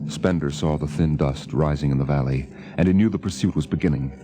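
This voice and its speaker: Very deep, solemn radio narrator. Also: male voice, fairly quick. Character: solemn, poetic storyteller. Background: dramatic music.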